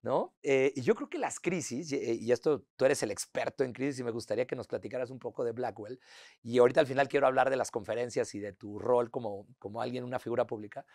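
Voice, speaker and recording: A man's voice: medium pitch, fast, darkish tone, no room sound, studio quality. A man, hosting an interview, affirming his guest and asking many short questions in a row. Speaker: interview host. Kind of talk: conversational interview.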